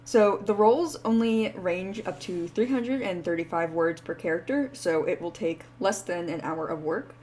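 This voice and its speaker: Her voice sits on the low side and is a touch mellow, with slight hiss or hum in the background. In this casting call, the woman VTuber rattles off the audition terms for her indie game in a relaxed, filler-heavy way full of "like."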